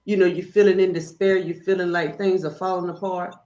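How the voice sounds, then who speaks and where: A woman guest in casual spiritual conversation, telling stories in an animated, preachy way. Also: on the low side, a little fast. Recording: roomy, dull, faint noise.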